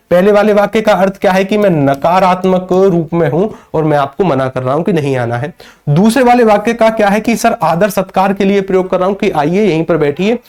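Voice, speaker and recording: Male teacher from northern India, high voice, live online class, repeats points and answers his own questions. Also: a little mellow. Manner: greets and answers viewers by name. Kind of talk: live online grammar lecture.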